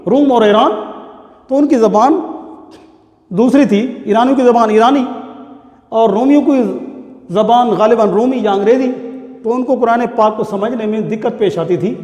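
Guy lecturing college class, steady explaining, roomy echoey hall. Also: very high voice. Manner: explanatory, steady teaching delivery. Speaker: college Urdu teacher. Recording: echoey hall with long reverb.

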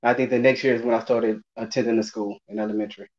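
A man's voice: mid-range voice, little pitch movement, quick pace. A man in his forties with a New Orleans accent, chatting casually and hesitantly as an interview guest over a video call. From New Orleans, Louisiana. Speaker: interview guest, former college running back. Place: indoors, remote video call. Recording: dull lo-fi video call audio.

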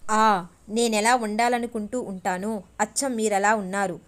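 A woman voicing a shy, eager young female office worker in a novel reading, speaking softly and hesitantly. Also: mid-range voice, little pitch movement, measured pace, lightly acted. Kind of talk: audiobook character reading.

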